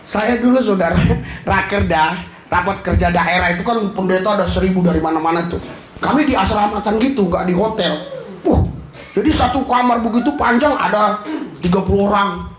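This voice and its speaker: A man preaching a lively, joking sermon as a pastor, often shouting and laughing. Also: high-pitched, brisk, music in the background. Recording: echoey hall with congregation.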